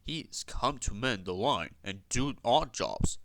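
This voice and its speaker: A man voicing a kindly, firm old male engine in a storybook reading, gentle and grave. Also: medium pitch, lively intonation, slow, creaky, a little hiss or hum, exaggerated voice. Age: older.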